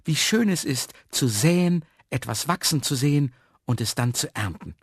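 A man voicing a small, cheerful man in a storybook reading, high and eager. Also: lively intonation, measured pace, dry recording, clean studio sound, heavily acted. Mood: excited.

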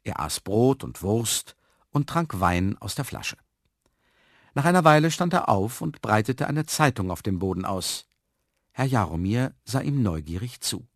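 A man reading a children's story aloud with expressive, lively storytelling. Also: fairly low pitch, a little slow, no echo, studio quality. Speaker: narrator.

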